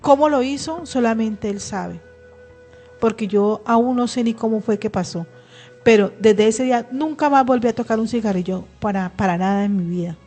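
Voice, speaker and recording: A woman's voice: on the high side, moderate pace, dark tone, faint music behind. A middle-aged woman, sharing an emotional personal religious testimony on a radio program, earnest, with frequent restarts. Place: radio studio.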